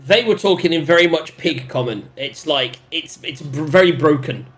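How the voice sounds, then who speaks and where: A man's voice: fairly high pitch, moderate pace, fairly bright tone. A man casually narrating a tabletop role-playing game as game master.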